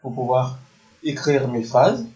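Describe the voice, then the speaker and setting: A man's voice: medium pitch, steady tone, takes it slowly, highs cut off, background noise. A man teaching a lesson, patiently repeating words and often checking with "ok?". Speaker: English teacher. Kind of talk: slow classroom-style lesson in French. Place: room with a whiteboard. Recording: echoey room.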